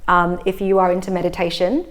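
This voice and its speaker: Calm woman, low-pitched voice. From Australia. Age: 30s. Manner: calm, measured, explanatory. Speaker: yoga teacher and breathwork facilitator. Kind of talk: casual interview chat.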